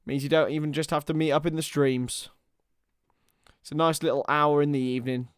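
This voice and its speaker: Brisk and level, a little high in pitch, the young man's voice comes through clear and resonant in clean studio sound without echo. He's hosting a watchalong stream, calling a football match live and talking with viewers. He stays chatty, alternating match calls and banter with chat as casual commentary.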